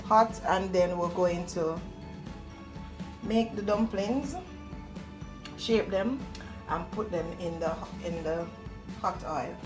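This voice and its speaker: A middle-aged host with a Jamaican accent gives casual cooking instruction in her echoey home kitchen. Her voice is lowish and slow, with frequent pauses, and faint music plays in the background.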